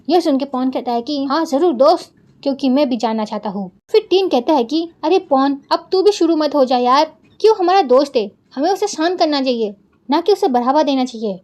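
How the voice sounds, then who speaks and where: High-voiced woman retelling a drama. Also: darkish tone. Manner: chatty, retells every line of dialogue and adds asides to viewers. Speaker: drama recap narrator. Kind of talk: casual storytelling recap.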